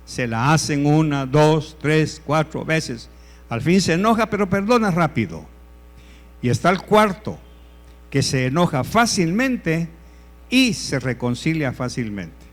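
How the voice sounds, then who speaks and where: A male pastor preaching a sermon, repeating his points emphatically and swinging between loud and hushed delivery. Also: fairly high pitch, big pitch swings, a little slow. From El Salvador.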